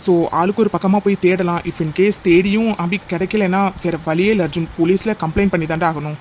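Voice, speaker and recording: A brisk, steady cartoon friend, voiced by an actor. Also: mid-range voice, slight background noise, natural voice. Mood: take-charge. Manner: reassuring, takes charge, calls friends "da". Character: steady young man, brotherly friend calming others. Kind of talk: cartoon dub dialogue.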